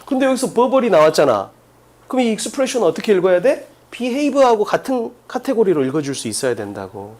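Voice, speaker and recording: An English teacher with a fairly high, darkish voice lectures an exam-prep class fast and emphatically, his pitch swinging widely. He keeps shooting short questions at students to drill the key points.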